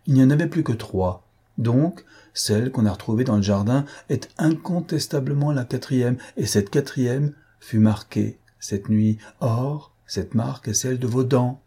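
Brief: a man playing a stern police chief, curt and authoritative, dark husky tone. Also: medium pitch.

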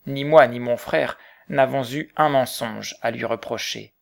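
A man reading the part of an old Quaker, earnest and gently reproachful, in an audiobook. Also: medium pitch, measured pace, vocal fry.

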